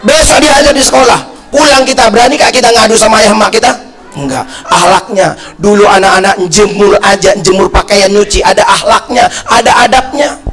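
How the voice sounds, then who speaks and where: A middle-aged male preacher from North Sumatra giving a lively sermon, telling stories and acting out the voices of the people in them. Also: high voice, brisk, faint music behind. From North Sumatra, Indonesia. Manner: animated storytelling, acting out voices of people in anecdotes; loud, shouting emphasis.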